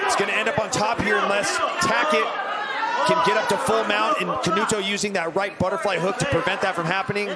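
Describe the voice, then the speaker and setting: A man giving technical, excitable blow-by-blow commentary on a live grappling match. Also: high voice. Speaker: fight analyst commentator. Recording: loud crowd noise behind. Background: roaring arena crowd.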